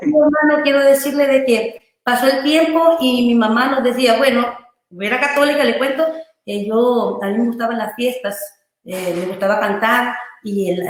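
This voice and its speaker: A woman pastor from Honduras, telling her personal testimony in an interview, earnestly and loosely, often checking in with her listener. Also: on the high side. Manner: earnest, loose storytelling with frequent "¿verdad?" and "hermano" tags. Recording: very echoey room.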